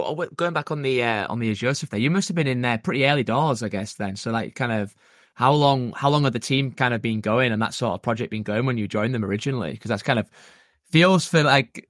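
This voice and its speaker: A man hosting a podcast interview, talking in a relaxed, chatty way with many fillers. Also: mid-range voice, fairly quick, no room sound, clean studio sound. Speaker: podcast host.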